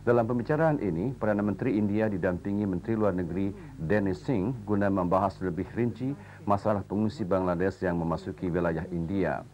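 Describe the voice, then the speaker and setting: Very deep-voiced Indonesian male news anchor. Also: fairly quick, a little mellow. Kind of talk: formal scripted news reading. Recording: noisy old TV broadcast recording.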